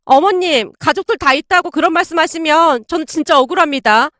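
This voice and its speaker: A woman's voice: sits high, fairly quick, a bit bright, dry recording, studio quality. A woman voicing a scheming young wife who accuses her mother-in-law in whiny, polite speech. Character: scheming two-faced young wife, falsely tearful.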